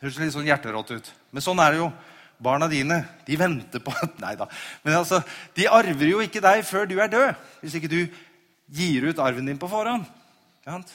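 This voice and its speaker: A middle-aged man preaching a sermon in a conversational way, sometimes dropping to hushed near-whispers. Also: a little high, animated. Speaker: pastor. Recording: long hall reverb.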